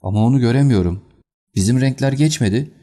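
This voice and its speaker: A man reading the lines of an anxious, quick-tempered colonel in an audiobook, in an agitated and excitable manner. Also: fairly low pitch, natural voice.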